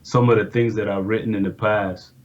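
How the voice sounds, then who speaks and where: A man who works as a music producer, a guest on a podcast, talking in an earnest, relaxed way in casual chat. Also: on the low side, a little fast, highs cut off.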